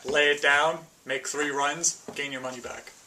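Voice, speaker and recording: A young man guest casually explaining his card deck, relaxed, with fillers. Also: a little high, unhurried, low-quality recording. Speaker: guest player.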